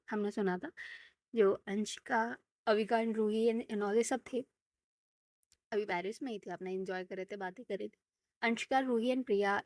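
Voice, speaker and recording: A young woman vlogging in a casual, animated way, ranting about home life and then retelling a story, switching between Hindi and English. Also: medium pitch, no echo, clean studio sound.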